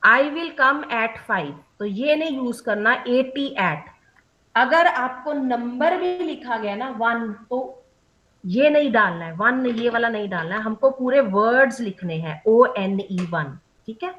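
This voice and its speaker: A woman's voice: on the high side, expressive, unhurried, a bit bright, muffled recording. Woman trainer explaining rules step by step. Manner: mixes English terms into Hindi. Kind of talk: online training session.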